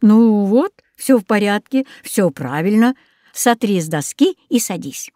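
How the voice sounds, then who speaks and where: A woman's voice: mid-range voice, lively intonation, a little slow, dark tone, no echo, natural voice. A woman voicing a stern, sarcastic male math teacher in an audiobook story, with dry, ironic formal address.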